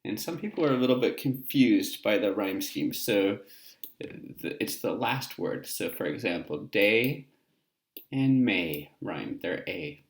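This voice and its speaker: A male teacher explains a lesson in a loose, friendly way, often pausing on "uh" and "um." His voice sits low with a gravelly fry. The room around him is echoey. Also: expressive. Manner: casual, explanatory, many "uh" fillers. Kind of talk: recorded class lesson.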